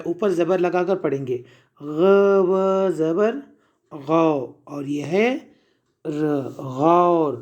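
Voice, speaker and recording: A man's voice: fairly high pitch, a little mellow, muffled recording. A male teacher, patiently sounding out letters and asking the class to repeat words. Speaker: primary school Urdu teacher. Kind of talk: slow spelled-out reading lesson for children.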